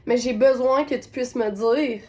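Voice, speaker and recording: A parenting coach with a Québécois French accent tells a personal parenting story, retelling scenes in quoted voices. Her voice sits on the high side yet has a darkish tone, and she speaks steadily and unhurriedly.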